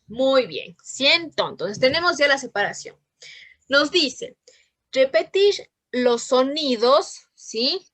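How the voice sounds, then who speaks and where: A woman's voice: high voice, animated, slow, fairly bright tone, no room sound. A woman teaching a literature class over a video call, patient and asking questions often. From Ecuador. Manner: patient, checks in with frequent questions. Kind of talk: online class lesson.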